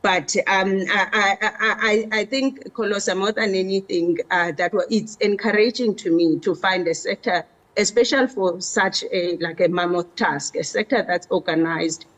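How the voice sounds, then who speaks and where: A woman from Africa, giving measured, explanatory interview answers as a city official. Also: mid-range voice, steady tone, a bit bright, poor audio.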